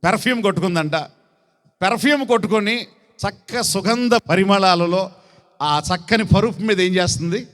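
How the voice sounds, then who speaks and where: A man preaching as a bishop at a church service, reading scripture in a slow raised chant and questioning his congregation, with a Telugu accent from Andhra Pradesh. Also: high-pitched, fairly bright tone. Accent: Telugu-speaking, Andhra Pradesh. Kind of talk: sermon. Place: church hall. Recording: long hall reverb.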